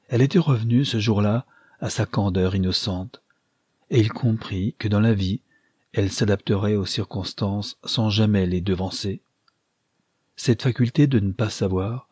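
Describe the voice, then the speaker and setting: A man reading a literary novel aloud as an audiobook narrator, in a measured, even manner. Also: lowish voice, slightly rough, dry recording, clean studio sound.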